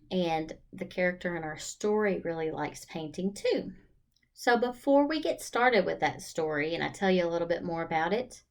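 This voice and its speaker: A woman with a mid-range voice hosts a storytime for young children. She talks in an encouraging, exaggerated child-directed way, using questions and pauses.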